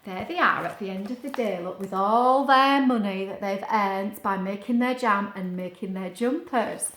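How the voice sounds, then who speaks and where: A storybook reader with a medium-pitched voice reads to children at a normal speed, full of expression and chatty asides, explaining words and asking questions. The audio has a roomy quality.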